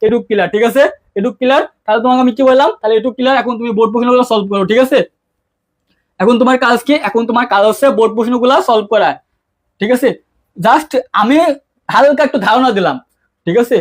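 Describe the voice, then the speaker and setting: A man teaching an English grammar lesson, constantly asking his students questions and answering them himself in a casual, colloquial way. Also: extremely high pitch. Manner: quick-talking, keeps asking students questions; colloquial, mixes English terms into speech. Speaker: English tutor. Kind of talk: online exam-prep lesson.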